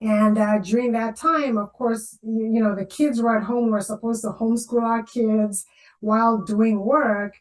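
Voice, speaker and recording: A woman's voice: on the high side, a little slow, poor audio. Woman chatting on a video call. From Zambia. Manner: animated, laughs often, repeats phrases for emphasis. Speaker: guest. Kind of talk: casual interview chat.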